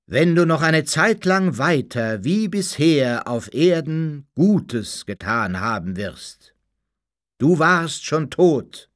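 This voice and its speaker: Eine hallende, überirdische Stimme eines höheren Wesens, von einem Mann gesprochen, langsam und feierlich verkündend. Sie liegt höher und lauter als seine gewohnte Erzählstimme. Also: male voice, a little high, fairly bright tone, no echo, studio quality, pitched above the performer's own voice. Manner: slow, solemn, proclaiming. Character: booming unearthly voice of a higher being.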